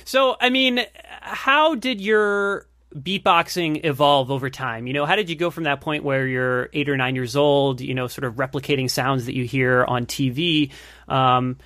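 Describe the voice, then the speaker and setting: A male podcast host asking questions in a halting way, restarting his sentences as he searches for words. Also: mid-range voice, pushed and bright, no echo, clean studio sound. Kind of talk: casual interview conversation.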